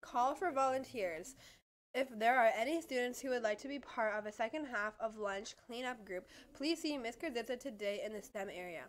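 A woman's voice: on the high side, moderate pace. A teenage girl reading school announcements, plainly and with occasional restarts. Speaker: student announcer.

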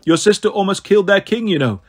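A man voices a beautiful, cold snow goddess from a fantasy storybook, using a high, soft, gentle, purring tone. She is a haughty, sadistically smug villainess who taunts with cruel, silky condescension and a gloating mood. His delivery is expressive and fast.

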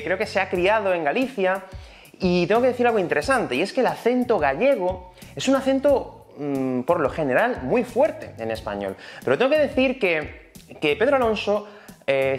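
A man with a Spain Spanish accent teaching an online Spanish lesson in a chatty, explanatory way. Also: a little high. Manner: chatty, explanatory, many fillers.

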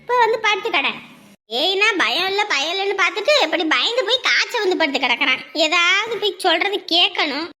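A woman's voice: very high voice, expressive, fairly quick, sharp tone, full character voice. A woman playing a young wife who nags and scolds her husband. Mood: scolding. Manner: nagging, scolding.

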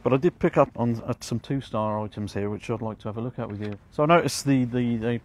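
A man's voice: mid-range voice, fast, darkish tone. A man, hosting a blog interview outdoors at an auction yard, upbeat and asking short questions. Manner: upbeat, brief prompting questions. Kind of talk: on-site interview.

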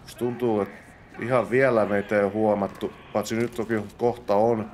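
A young man from Finland gives loose commentary while he plays, muttering his thoughts and breaking into sudden exclamations. His voice sits low. Faint background noise runs behind him. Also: level tone, a little mellow. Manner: mutters to himself, bursts into exclamations in fights. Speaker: let's play host. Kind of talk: casual gameplay commentary.

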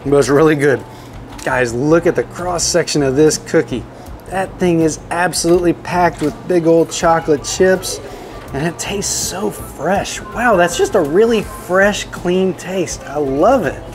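A man hosting a kids' show on a bakery tour, excitable and talking straight to the viewers. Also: on the high side, a little slow, soft background music. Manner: excitable, exclaims often, talks straight to the viewers. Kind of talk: upbeat presenting to kids. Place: indoor bakery and commercial kitchen.

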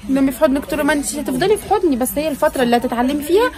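A woman's voice: high voice, expressive, very fast. An Egyptian woman, a mother vlogging with her family, talking in a coaxing, insistent way. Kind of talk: casual family vlog chat.

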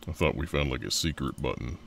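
A man's voice: rumbling low, expressive, fast talker, vocal fry, fairly bright tone, far from the mic, slight background noise. A man streaming a horror game live, chatting casually with his viewers and laughing often.

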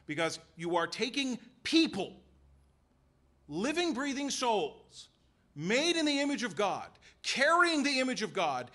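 A man preaching a sermon in a church, emphatic and full of rhetorical questions and quick voiced asides. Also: high-pitched, sharp tone. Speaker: pastor. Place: church sanctuary.

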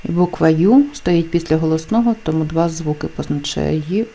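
A woman teacher explaining pronunciation rules in a deliberate lesson, carefully enunciating example words. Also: low voice, creaky, warm tone. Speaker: language teacher.

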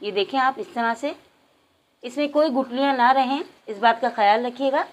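A woman calmly talking viewers through a home recipe, step by step, as the host of a cooking channel. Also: on the high side, moderate pace, highs cut off. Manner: calm, instructive, addresses viewers directly.

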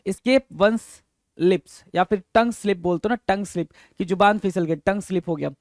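A man's voice: high-pitched, normal speed, a little mellow, dry recording. Man teaching English idioms, dry recording. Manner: repeats each term and quizzes listeners with "bhai". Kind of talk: Hindi-English vocabulary lesson.

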